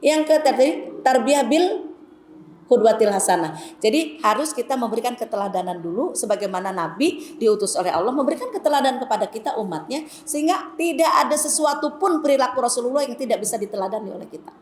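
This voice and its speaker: Middle-aged female religious teacher, slightly high and lively storyteller, echoey hall. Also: fast talker. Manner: chatty, storytelling, addresses the women as "Bu". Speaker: Islamic women's teacher. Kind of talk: conversational Islamic lecture with anecdotes. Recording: echoey hall, faint background noise.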